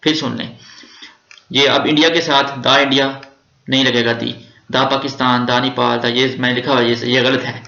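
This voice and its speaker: एक पाकिस्तानी लहजे वाला पुरुष शिक्षक, जो व्याकरण के नियम बार-बार दोहराकर धीरे-धीरे समझाता है।. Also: male voice, mid-range voice, level tone, moderate pace, creaky, pushed and bright. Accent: Pakistani Urdu. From Pakistan. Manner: repetitive, drilling rules step by step. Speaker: teacher. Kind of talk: grammar lecture. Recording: echoey room, dull lo-fi sound.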